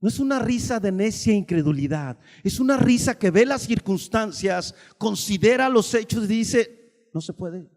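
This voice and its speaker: A high-voiced man preaches a lively sermon, shifting between loud, emphatic bursts and quiet asides. His voice rings with a long reverb, as in a church hall. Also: normal speed. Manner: animated, swings between loud emphasis and soft asides, acts out dialogue. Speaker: pastor.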